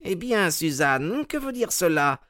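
A woman's voice: lowish voice, very animated, a little slow, a bit bright, no room sound, clean studio sound. A woman voicing an earnest, troubled widow telling her story in an audio drama.

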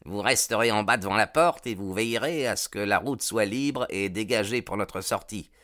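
A man's voice: lowish voice, moderate pace, fairly bright tone, no echo, clean studio sound, voice pushed up, close to an everyday voice. A man voicing a brutal male gang leader who barks orders in a raised, harsh voice. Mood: commanding.

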